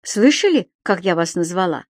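A woman's voice: on the low side, expressive, moderate pace, a little mellow, no room sound, clean studio sound. Woman doing a fussy, reproachful secretary. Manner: reproachful, fussing.

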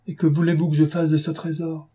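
A man's voice: fairly high pitch, little pitch movement, a little fast, warm tone, breathy edge, pitched above the performer's own voice. A man reading an audiobook voices a weak-willed young man who pleads anxiously. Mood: despairing.

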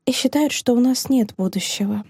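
A heartbroken woman teacher in a storybook, as a female narrator puts her on, hushed and trembling yet firm. Her voice is pitched a little higher than the reader's usual tone, mellow and dark in timbre, recorded dry and close. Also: fairly quick, slightly rough, no echo. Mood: sorrowful, resolute. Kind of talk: audiobook dialogue reading.

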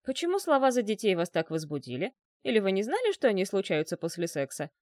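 A woman's voice: medium pitch, huge pitch swings, fast, darkish tone, no echo, clean studio sound. A woman voicing a fussy, chattering middle-aged male doctor who talks in a wheedling way.

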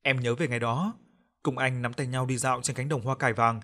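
A man's voice: medium pitch, fairly even intonation, a bit bright. Man narrating a horror story. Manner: measured, dramatic storytelling.

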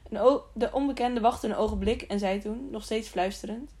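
A woman narrates an audiobook of a children's novel. Her reading is steady and plain, with occasional slips and restarts. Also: on the high side, moderate pace.

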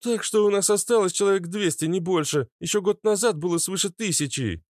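A man's voice: sits high, a little fast, no echo, clean studio sound, voice pushed up, close to an everyday voice. A man voicing a talkative young woman who explains things and scorns a local leader, in an audiobook reading. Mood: chatty.

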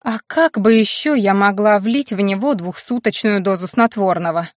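A woman's voice: medium pitch, normal speed, dry recording, clean studio sound, natural voice. A woman voicing a capricious, teasing female witch in an audiobook, in a playful sing-song manner. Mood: sly.

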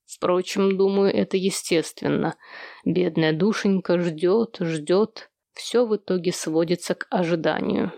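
A woman doing a tired, low-voiced husband. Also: fairly even intonation, unhurried, creaky, warm tone, no echo, studio quality. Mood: weary. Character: weary, gentle middle-aged husband and father.

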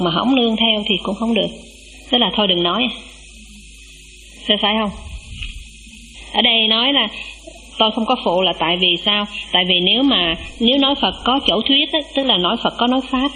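Woman, nun preaching; bright tone, humble and questioning, faint background hiss. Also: medium pitch, low-quality recording. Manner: humble, calls herself "em", asks the listeners questions. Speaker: Buddhist nun giving a dharma talk. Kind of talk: dharma talk to a monastic assembly.

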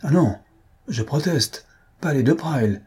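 A man voicing an excitable young marquise in an audiobook, speaking eagerly and emphatically. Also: mid-range voice, normal speed, slightly rough, natural voice. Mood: emphatic.

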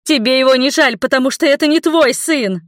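A woman's voice: medium pitch, normal speed, no room sound, studio quality, voice pushed up, lightly acted. Woman playing a desperate, pleading mother.

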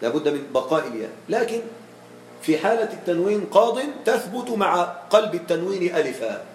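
A man teaching a grammar lesson to a class, checking with his students and slowing down to model each example. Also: high-pitched, big pitch swings, reverberant, slight background noise, rough recording.

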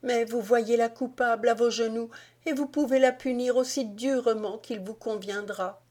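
A distraught queen pleads through her sobs, her voice lifted high above the narration, as a woman reading the story puts her on. Her words break and tremble. It is a storybook read aloud. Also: steady tone, moderate pace, darkish tone, close to an everyday voice. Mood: pleading.

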